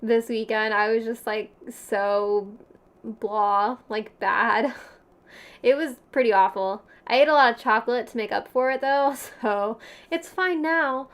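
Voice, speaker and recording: A fairly high-pitched young woman takes her time, chatting casually as a livestream host. She has a Valley Girl accent, talks in slang, leans heavily on "like," and laughs often between phrases.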